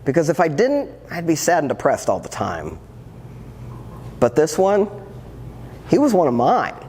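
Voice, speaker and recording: Lively-voiced man in his fifties. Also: on the high side, measured pace, slight background noise. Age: 50s. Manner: earnest, reflective, with wry humor. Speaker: transformational coach and speaker. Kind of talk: personal storytelling talk. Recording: long hall reverb, faint ambience.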